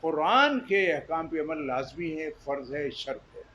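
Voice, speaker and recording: A man with a high voice preaches a sermon. He is emphatic and often turns to the listeners with questions. Faint background noise sits under his voice. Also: lively intonation, bright, forceful tone, low-quality recording. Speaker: Islamic preacher. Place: Jeddah.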